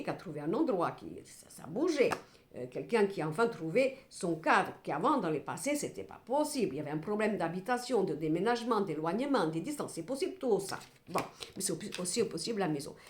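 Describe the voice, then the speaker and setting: A woman clairvoyant reads cards for her viewers, with a lively pitch that rises and falls widely. She talks expressively and breaks into exasperated, comic asides. The recording has a noticeable room echo. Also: a little hiss or hum. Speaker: clairvoyant card reader. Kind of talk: card reading addressed to viewers. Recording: roomy echo.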